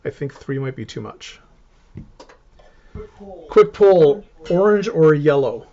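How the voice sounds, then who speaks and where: A man's voice: a little high, big pitch swings, normal speed, a little mellow. A man with a Canadian accent hosting a live cooking stream, explaining casually as he chops and preps. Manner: casual, chatty, explains as he works. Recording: dull lo-fi stream audio.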